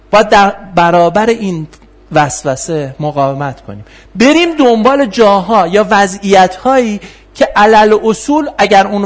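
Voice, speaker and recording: High-voiced man lecturing a class. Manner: explains with rhetorical questions, pauses and fillers. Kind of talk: classroom lecture on philosophy of science.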